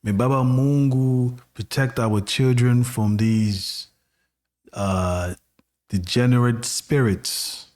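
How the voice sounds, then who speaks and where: A man co-hosting a spiritual talk show, offering a closing prayer in a measured, solemn cadence. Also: medium pitch, fairly even intonation, darkish tone. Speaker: co-host.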